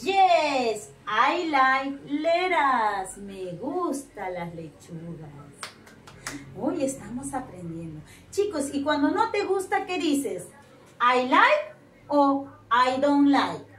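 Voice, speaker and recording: A young woman teaching children English words bilingually, slowly modeling each word for them to repeat. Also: sits high, very animated, fairly bright tone. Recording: echoey room, voice from far off, faint noise.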